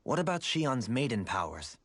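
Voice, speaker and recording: A man's voice: medium pitch, sing-song, normal speed, a bit bright, breathy edge, no echo, exaggerated voice. A man voicing a composed, analytical video game adviser with formal, old-fashioned phrasing. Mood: composed, pensive.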